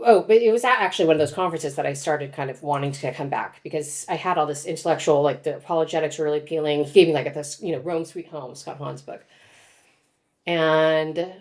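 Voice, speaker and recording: A woman's voice: deep voice, fairly quick. A woman in her forties, a guest author, telling her story in reflective, casual conversation with frequent laughs.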